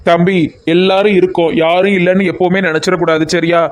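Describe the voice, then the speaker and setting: A man voicing a calm, kindly village fellow in a cartoon comedy, with a southern Tamil Nadu accent. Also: sits high, fast, natural voice. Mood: reassuring. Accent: southern Tamil Nadu (Kanyakumari–Tirunelveli). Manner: gentle, scolding mildly, reassuring.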